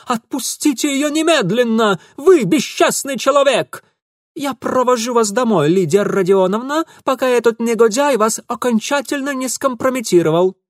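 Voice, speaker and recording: A man reading an audiobook voices a jealous, hot-headed young man who shouts his outrage. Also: lively intonation, normal speed, dry recording, studio quality. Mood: furious. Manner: shrill and indignant.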